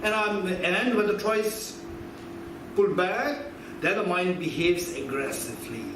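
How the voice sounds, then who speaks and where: A man in his fifties gives a conversational teaching talk, quizzing his listeners and repeating his key points. His voice sits somewhat high for a man. He is picked up from a distance in a very echoey hall, with steady noise underneath. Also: unhurried. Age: 50s. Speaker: Buddhist philosophy teacher. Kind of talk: teaching talk with audience questions.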